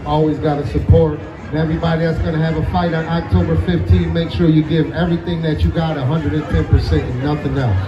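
A man's voice: on the high side, little pitch movement, fast. A man giving an informal thank-you speech on stage at a press conference. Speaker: guest speaker at press conference. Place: indoor venue stage. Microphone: handheld microphone, distant camera. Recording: dull echoey PA, noisy crowd.

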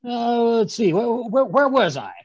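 A man's voice: very high voice, sing-song, measured pace, dry recording, exaggerated voice. A man playing a testy, elderly English doctor who stammers and fusses as he reminisces in a radio drama. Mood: flustered. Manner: stammering, blustering, fussy. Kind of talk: 1930s radio drama acting. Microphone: video call. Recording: dull lo-fi video call audio.

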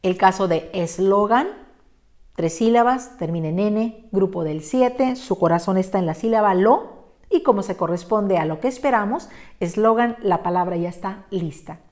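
A woman's voice: medium pitch, normal speed, darkish tone. A woman teaching spelling, methodically walking through each step in a close voice-over. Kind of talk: instructional lesson narration.

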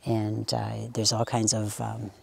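A man talking easygoing and reflective during an outdoor hike on a country trail, pausing now and then. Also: fairly low pitch, completely flat delivery, vocal fry, breathy edge, dry recording. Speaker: nature vlogger. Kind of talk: casual outdoor commentary.

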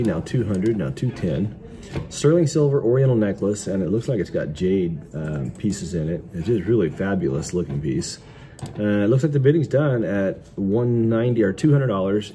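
Hosting an auction for his vlog, a middle-aged American man tosses out relaxed commentary on the items going under the hammer. He speaks with a mellow, fairly low voice. Background noise comes through clearly.

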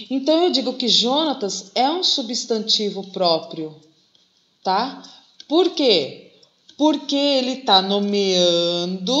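A woman's voice: a little high, a little hiss or hum. Brazilian lady teacher going over schoolwork, patient, keeps checking in, echoey room, kinda dull audio. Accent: Brazilian Portuguese. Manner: patient, explains slowly with many "tá?" and "né?" checks. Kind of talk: classroom lesson video.

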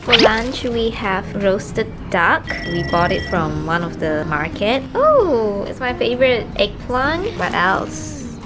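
A woman's voice: medium pitch, sing-song, takes it slowly, few pauses. A young woman chatting casually to camera in a vlog, laughing often, in slightly broken English. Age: young adult. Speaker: vlogger. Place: bedroom. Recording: loud background music.

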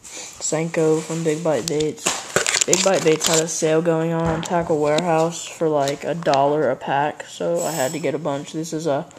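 A teenage boy hosting a casual fishing unboxing vlog at home, talking in a halting way with lots of fillers as he handles each item, filmed on a handheld camera. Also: on the high side, flat delivery, background noise. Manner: halting, unhurried, many fillers while handling items. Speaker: fishing channel host. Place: indoors at home, wooden floor with red rug. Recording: loud crinkling of plastic packaging. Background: bag crumpling and clicks.

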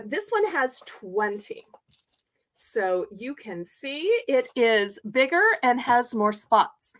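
A woman's voice: fairly high pitch, a bit bright. A woman hosting a live online auction from home, chatty and folksy as she counts out items for bidders.

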